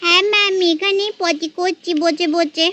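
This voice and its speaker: A woman's voice: very high voice, steady tone, pushed and bright. Woman doing a babyish, whimpering small boy. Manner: babyish, stammering, slow.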